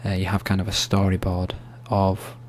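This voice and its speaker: A soft-spoken man giving an ASMR-style screen tutorial, explaining steps in a hushed, unhurried, informal way. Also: low voice, completely flat delivery. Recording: faint hum and background noise.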